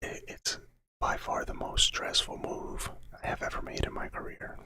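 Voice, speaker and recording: A man's voice: normal speed, low-quality recording. A man from Cuba who grew up in Florida, whispering on a casual ASMR live stream, chatting with viewers close to a sensitive microphone. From born in Cuba, raised in Florida.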